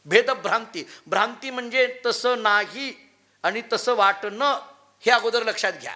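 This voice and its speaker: A male devotional preacher giving a sermon in a temple, telling stories and chanting scripture quotes with lively emphasis. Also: sits high, unhurried. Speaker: kirtankar preacher. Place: temple hall.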